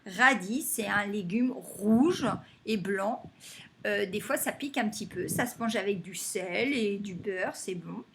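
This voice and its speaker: A woman teacher giving a phonics lesson to young children, saying words slowly and clapping them out syllable by syllable. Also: mid-range voice, fairly bright tone, a little hiss or hum. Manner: slow and deliberate, stretching and clapping out words syllable by syllable.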